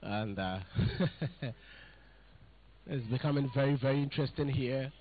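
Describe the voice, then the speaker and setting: A man giving live football commentary, calling out "ladies and gentlemen" as he narrates play. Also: medium pitch, unhurried, slight background noise. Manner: keeps addressing "ladies and gentlemen". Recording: phone-like narrow sound.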